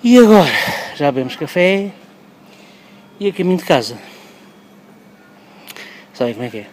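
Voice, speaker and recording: A man's voice: on the high side, very animated, normal speed, a little mellow, rough recording. Upbeat Portuguese man vlogging outdoors. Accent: European Portuguese. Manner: upbeat, chatty. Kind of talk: casual vlog. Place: outdoors on a street. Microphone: phone at arm's length.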